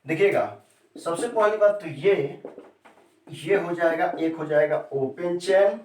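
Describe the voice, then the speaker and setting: A man's voice: fairly high pitch, takes it slowly, darkish tone, slight background noise. A male chemistry teacher giving a classroom lesson who repeats key terms and keeps quizzing his students with questions. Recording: echoey room, mic set far off.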